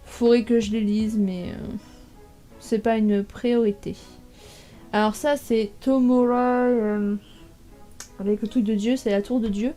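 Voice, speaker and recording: Young woman, casual vlog chat, higher voice, mellow, lots of fillers, faint background music. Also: fairly even intonation, measured pace, long pauses. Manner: chatty, thinks aloud with many fillers. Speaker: YouTuber ranking manga. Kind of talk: casual tier list commentary.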